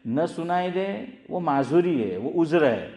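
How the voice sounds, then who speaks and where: Slightly high and a little mellow, this Islamic scholar's voice moves through big pitch swings amid reverberation. In his conversational sermon he poses questions to the listeners and underlines his main points by repeating them.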